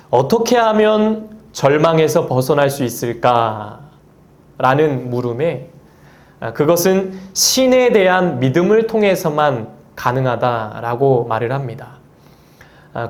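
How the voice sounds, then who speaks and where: A man preaching a Sunday sermon as pastor, quoting scripture earnestly and lifting his voice on key phrases. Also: fairly high pitch. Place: church sanctuary.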